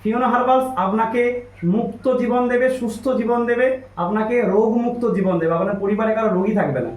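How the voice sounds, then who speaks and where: A man from West Bengal, a nutritionist, making an emphatic, repetitive sales pitch in a promotional testimonial. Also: fairly even intonation, a little fast, a little mellow, roomy sound, poor audio. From Hooghly district, West Bengal, India. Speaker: nutritionist promoting herbal products.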